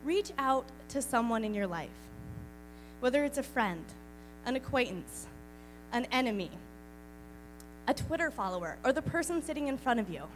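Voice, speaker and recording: A woman's voice: on the high side, expressive, normal speed, long pauses, a little hiss or hum, rough recording. A woman gives heartfelt, encouraging closing remarks to a live audience. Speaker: speaker at a live community talk night.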